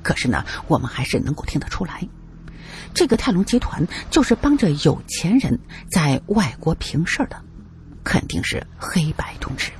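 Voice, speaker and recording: A man's voice: a little high, sing-song, moderate pace, a little hiss or hum. A male narrator telling a first-person adventure story in a dramatic, colloquial way.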